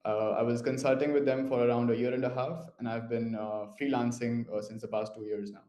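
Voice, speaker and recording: A young man from India, a current master's student speaking in an online info session, measured and dotted with "uh" fillers. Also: mid-range voice, flat delivery, dark tone, reverberant.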